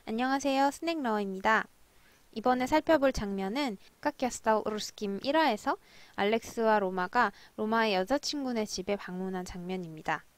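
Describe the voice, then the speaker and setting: A young woman teaching Russian from drama scenes, who slowly spells out words and repeats drills. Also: medium pitch, dry recording. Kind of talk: language lesson explaining drama lines.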